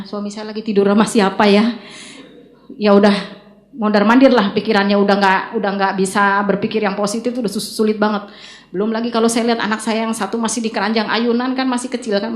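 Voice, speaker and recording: A woman recounts a personal faith testimony in an animated storytelling manner, acting out the remembered conversations as she goes. Her voice sits at a middle pitch for a woman. The recording has a roomy echo. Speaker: church testimony speaker.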